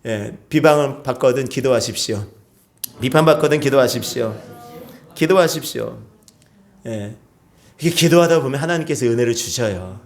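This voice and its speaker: Korean pastor preaching, questioning the flock. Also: male voice, medium pitch, normal speed, long pauses, faint music behind. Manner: asks the congregation questions and calls for amens. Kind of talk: sermon. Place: church sanctuary.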